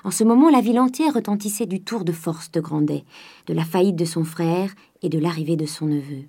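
Mellow-voiced woman reading a classic novel. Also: fairly low pitch, a little fast, slightly rough. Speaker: audiobook reader. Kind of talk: literary audiobook narration.

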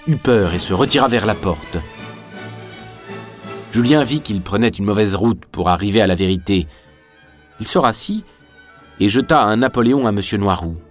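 Low-voiced man reading a novel aloud. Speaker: audiobook reader. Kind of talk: scripted narration.

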